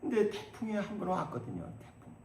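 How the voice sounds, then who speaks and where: Man in his sixties, pastor, fervent sermon, lively swooping pitch, echoey church hall. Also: fairly quick, gravelly, slight background noise. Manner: impassioned, swings from loud exhortation to quiet asides, acts out prayers. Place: church sanctuary.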